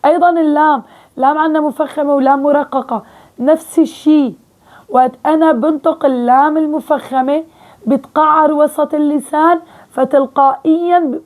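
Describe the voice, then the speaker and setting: A young woman with a Levantine Arabic accent teaching Quran recitation, patiently explaining and slowly repeating sounds. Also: high voice, a little mellow. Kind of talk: online tajweed lesson.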